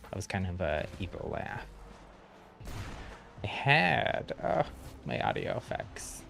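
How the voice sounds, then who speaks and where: Slow, gravelly streamer man. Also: deep voice, sing-song, fairly bright tone. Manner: laid-back, laughs often, self-deprecating. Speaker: game streamer. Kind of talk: casual gameplay commentary. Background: game music.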